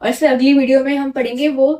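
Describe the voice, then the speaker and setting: A woman's voice: sits high, flat delivery, fast, a little mellow. A woman teaching French grammar, explaining step by step, repeating each key word and asking the learner to echo it back, and mixing English words into her Hindi. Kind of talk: classroom-style lesson explanation.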